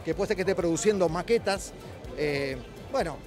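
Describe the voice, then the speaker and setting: A man's voice: sits high, moderate pace, music in the background. A middle-aged man with an Argentine accent, a company director giving a trade-show interview in a busy expo hall, explaining at length with frequent hesitations and restarts. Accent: Rioplatense Spanish. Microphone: handheld mic held by interviewer.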